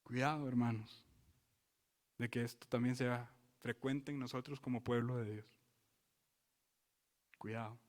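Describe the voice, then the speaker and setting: A male pastor preaching in a church sanctuary. He swings from loud, emphatic exclamations to quiet, solemn warnings and keeps asking the congregation rhetorical questions. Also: mid-range voice, fairly even intonation, a little slow, pauses often, in a large hall. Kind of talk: expository sermon.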